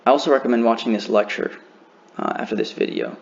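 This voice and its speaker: Male teacher, low voice, slow careful beginner lesson, muffled recording. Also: huge pitch swings, gravelly. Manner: slow, careful demonstration of pronunciation.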